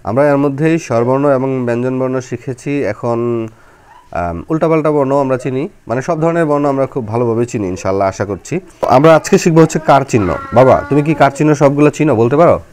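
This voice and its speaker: Woman teacher, very deep, lively intonation, patient and coaxing. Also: a little fast, slight background noise. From Bangladesh. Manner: patient, coaxing, explains step by step. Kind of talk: children's lesson.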